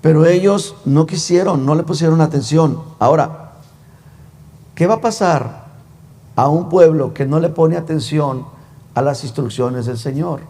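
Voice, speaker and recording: A man's voice: on the high side, a little slow, mellow. Reverberant male preacher. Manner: conversational, rhetorical questions, teasing. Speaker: pastor. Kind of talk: sermon. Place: church sanctuary. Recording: long church reverb.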